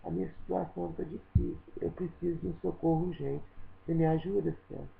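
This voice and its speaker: A woman's voice: low voice, steady tone, fairly quick, gravelly. A middle-aged woman with a Minas Gerais Brazilian accent, recording an emotional plea at home and repeating her phrases. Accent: Minas Gerais Brazilian Portuguese. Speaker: video appeal maker. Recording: tinny lo-fi home recording with faint noise.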